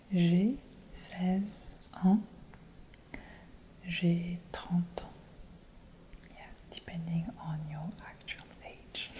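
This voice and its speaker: Whispering woman teaching, slow and mellow. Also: on the low side, slight background noise. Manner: whispered ASMR teaching, repeating phrases slowly; soft giggles between phrases. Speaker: French teacher. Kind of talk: whispered role-play. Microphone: close binaural mic.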